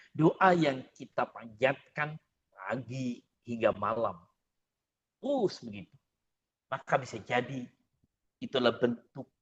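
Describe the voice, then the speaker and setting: Man, sermon, animated storytelling, slightly dull lo-fi sound. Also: medium pitch, slight background noise. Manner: lively storytelling, acting out prayers and dialogue. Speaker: preacher.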